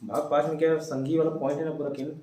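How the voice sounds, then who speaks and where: A male teacher dictating a lesson to his class, spelling out words slowly and telling students what to write down. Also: a little high, level tone, dark tone, far from the mic, slight background noise. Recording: echoey room, voice from afar.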